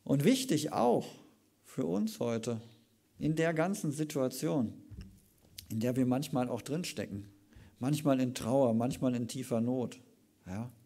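Gravelly-voiced man preaching a sermon. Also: mid-range voice, unhurried. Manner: lively retelling with casual asides. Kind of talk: sermon retelling a Bible story. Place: church service.

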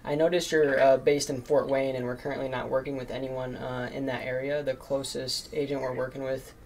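Gravelly-voiced teenage guy cold calling. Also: mid-range voice, flat delivery, fairly quick, darkish tone, slight background noise. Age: teens. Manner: nervous, lots of fillers like "um" and "like". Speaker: marketing agency owner cold calling. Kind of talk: recorded cold calls and casual commentary.

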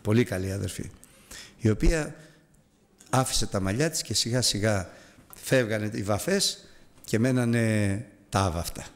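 A man's voice: lowish voice, long pauses, long reverb tail. A man preaching a sermon as a personal story, earnest and confessional, acting out voices and sound effects as he goes.

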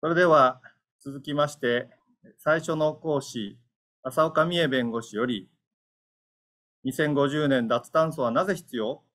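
A man hosts an online seminar as its moderator. He speaks in a formal, polite and measured announcing manner through webinar audio. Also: fairly high pitch, fairly bright tone. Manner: polite, measured, keigo-heavy.

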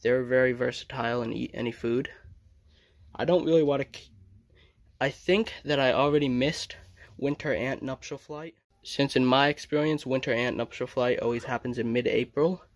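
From behind a handheld phone in a room at his home, a young vlogger offers relaxed narration of his own footage. His medium-pitched voice stays steady at a moderate pace, captured in a dry recording.

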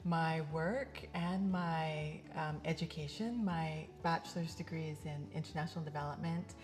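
Casting: middle-aged woman with a deep, low voice, earnest facilitator intro, soft music underneath. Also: moderate pace. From Canada. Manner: earnest and reflective, speaks with open hand gestures. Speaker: facilitator and coach. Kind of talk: scripted-sounding personal introduction to camera. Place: bright indoor studio set.

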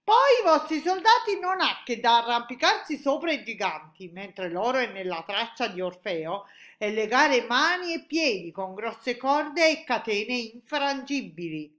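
Woman doing the big friendly giant, loud and high. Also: big pitch swings, measured pace. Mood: jolly. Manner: loud, high and jolly, muddled grammar. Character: big friendly old male giant, mangles words.

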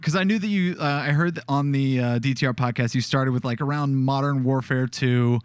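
A young man hosting a casual interview, talking in a relaxed, rambling way and laughing easily. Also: medium pitch, brisk, clean tone, no room sound, studio quality. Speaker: interview host.

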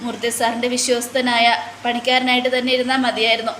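A woman's voice: on the high side, flat delivery, fast, fairly bright tone, a little hiss or hum, lightly acted. A woman voicing a frightened male shop worker and father of two who stammers and pleads anxiously. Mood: fearful pleading.

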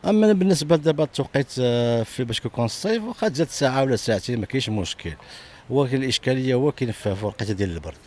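Fast-talking Moroccan man on a street. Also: medium pitch, expressive, darkish tone. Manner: rapid, halting with restarts. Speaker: passerby interviewee. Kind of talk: street interview. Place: city street outdoors. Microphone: handheld reporter mic. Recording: faint street noise.

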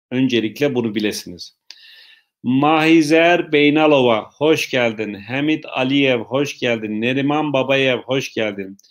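A man teaching an English lesson live online to schoolchildren, greeting pupils by name and quizzing them with repeated questions. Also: medium pitch. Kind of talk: live online class for children.

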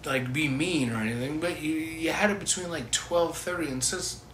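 A man's voice: fairly high pitch, moderate pace, a bit bright. A man in his thirties co-hosting a podcast, chatting casually, swearing freely and laughing often. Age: 30s. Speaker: podcast co-host. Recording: roomy echo, faint hiss.

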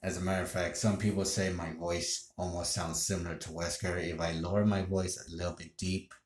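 A man's voice: sits low, flat delivery, brisk. A man who streams games, talking in a casual monologue that rambles, restarts sentences and sighs. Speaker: gaming streamer. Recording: roomy echo.

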